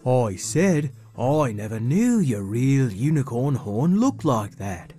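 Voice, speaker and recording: A man's voice: medium pitch, very animated, takes it slowly, mellow, soft background music. A man voicing a cheerful, curious cotton-candy pegasus in a storybook tale.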